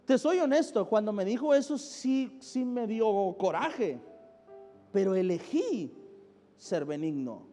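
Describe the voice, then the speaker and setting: High-voiced Mexican pastor preaching in a hall. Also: male voice, very animated, slow. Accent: Mexican Spanish. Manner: emphatic, shifts between loud stress and soft drops, calls for amens. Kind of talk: sermon. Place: large church hall. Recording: echoey church hall with music behind.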